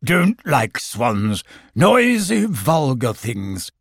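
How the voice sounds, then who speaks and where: A man's voice: a little high, wildly swooping pitch, takes it slowly, slightly rough, no echo, pitched above the performer's own voice, heavily acted. Man doing a grumpy old owl, curt, cross, clipped, dry sound.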